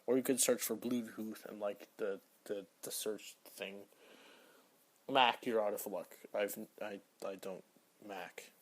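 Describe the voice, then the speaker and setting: A young man hosting a casual solo podcast, answering search-engine questions in an offhand, rambling way that often trails off quietly. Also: fairly low pitch, fairly even intonation, unhurried. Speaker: podcast host.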